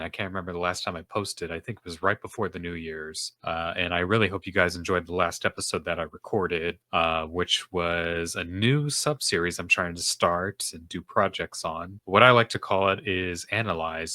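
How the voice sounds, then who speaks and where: A young adult man hosts a faith-based podcast as a self-esteem coach, rambling earnestly with plenty of fillers while his nose is stuffed up. His low voice has a sharp tone and normal speed with few pauses. The casual solo monologue is captured on a podcast mic in a dry, studio-quality recording.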